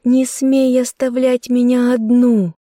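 A woman's voice: mid-range voice, steady tone, a little slow, mellow, breathy edge, no echo, studio quality, voice pushed up. A woman reading an audiobook, voicing a tender, devoted young village girl who speaks with emotional, pleading intensity. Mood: anguished shouting.

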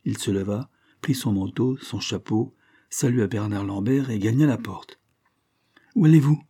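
A man reading a detective story aloud with measured, dramatic narration. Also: on the low side, warm tone, husky, no room sound, clean studio sound.

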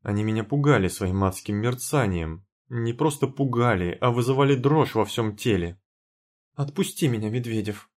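A man's voice: medium pitch, animated, moderate pace, few pauses. A man reading a dramatic first-person story aloud as an audiobook narrator. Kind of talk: scripted narration.

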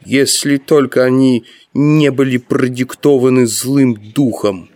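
A man's voice: mid-range voice, fairly even intonation, slow pace, a little mellow, pitched above the performer's own voice, lightly acted. A man voicing a zealous, pious male courtier who protests indignantly, read as an audiobook. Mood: gloomy. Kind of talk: audiobook narration.

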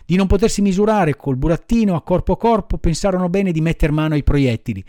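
A man's voice: sits high, expressive, fast talker, dark tone, no room sound, clean studio sound. A man reading a children's classic aloud, telling the story expressively. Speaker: audiobook reader. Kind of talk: storybook narration.

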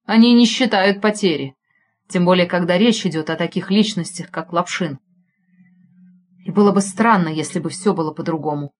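A woman narrating an audiobook in a steady, expressive storytelling manner. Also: on the low side, moderate pace. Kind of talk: scripted narration.

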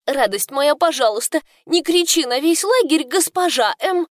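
A woman voicing an awkward man who speaks hesitantly, hushing others. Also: high voice, lively intonation, normal speed, no room sound, clean studio sound, pitched above the performer's own voice. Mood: sheepish. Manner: hushed, hesitant. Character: awkward male camp guard, sheepish.

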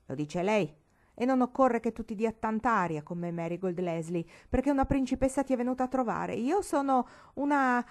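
Una donna che legge dà voce a una bambina prepotente e sfacciata, con tono canzonatorio e saccente. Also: female voice, a little high, lively intonation, normal speed, voice pushed up. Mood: bossy. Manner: teasing, self-important. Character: bossy cheeky little girl. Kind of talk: audiobook reading.

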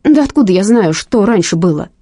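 A woman voicing a frightened, sharp-tongued young female detective in an audiobook, talking raised and defensive. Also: mid-range voice, lively intonation, fairly quick, slightly rough, no echo, clean studio sound. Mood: irritated. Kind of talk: audiobook character reading.

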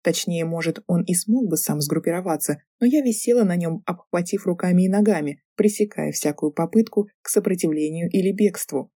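A woman reading a fantasy audiobook in steady, lively storytelling narration. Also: on the low side, brisk, few pauses, breathy edge, dry recording, studio quality. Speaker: audiobook reader.

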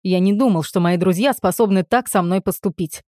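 A woman's voice: lowish voice, fairly quick, mellow, no echo, clean studio sound, natural voice. A woman voicing a young man, a blunt, growling protective older brother, in a storybook reading. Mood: stern.

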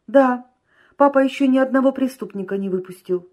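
A woman's voice: high-pitched, a little fast, a little mellow, pitched above the performer's own voice, lightly acted. A polite young lady answering with assurance, as a woman reader puts her on. The voice rises a little above the narration. It is an audiobook reading. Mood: confident.

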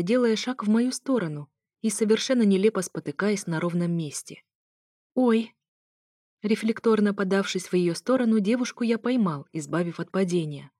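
A woman reading a first-person story aloud as scripted narration, in a steady storytelling manner. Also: medium pitch, dry recording, studio quality. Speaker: audiobook reader.

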